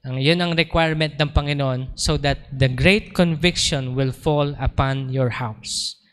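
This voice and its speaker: A man's voice: mid-range voice, fairly even intonation, unhurried, clear, resonant tone. A Filipino man preaching a sermon as pastor, telling a personal story and mixing Tagalog with English. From Philippines. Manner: storytelling, switching between Tagalog and English, often laughing. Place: church service.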